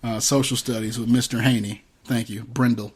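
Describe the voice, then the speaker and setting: A man's voice: medium pitch, level tone, normal speed, husky. A man co-hosting a casual podcast, making dry, teasing quips. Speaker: podcast co-host.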